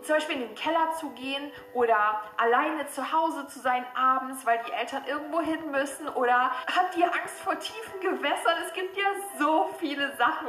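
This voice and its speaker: A young woman sits on a stool in a room at home, reading scary chat messages aloud for viewers of her horror chat YouTube channel. Her voice sits high, and she is lively and excitable, squealing and laughing at the scary parts. The room is echoey, with faint background noise.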